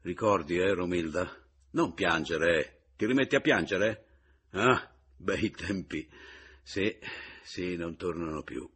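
A man voicing a jovial, mocking man who teases and booms loudly in a radio reading of a novel. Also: takes it slowly, slightly rough, full character voice. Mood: teasing. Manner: teasing, booming and boisterous.

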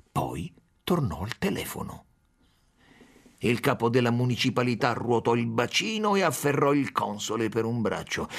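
Husky expressive male audiobook narrator. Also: mid-range voice. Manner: expressive, dramatic reading.

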